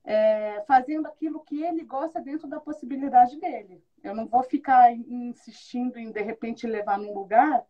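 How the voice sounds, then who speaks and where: A woman's voice: a little high, normal speed, few pauses, muffled recording. A woman being interviewed about being a mother, telling good-humored stories and acting out what people said. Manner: animated storyteller who acts out quoted dialogue; good-humored, laughs often. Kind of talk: casual conversational interview.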